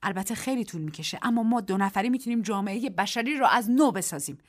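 A woman's voice: medium pitch, lively intonation, voice pushed up, lightly acted. A woman reading the part of a desperate man in a radio story, pleading and defiant in turn. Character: desperate man clinging to reason and love.

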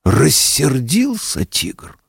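A man narrating a fairy tale as a storybook reading, slow and expressive. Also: medium pitch, creaky, husky, no echo, studio quality.

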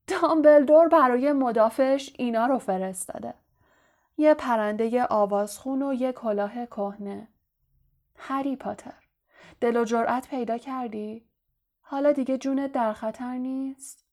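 A woman's voice: fairly high pitch, a little mellow, close to an everyday voice. A woman reading a mocking, menacing young male villain in an audiobook, with a coldly amused, taunting delivery.

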